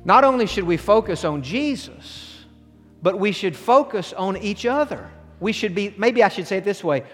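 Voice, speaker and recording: A man preaching a sermon as pastor, earnest and repeating phrases for emphasis. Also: sits high. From southern United States. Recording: long hall reverb.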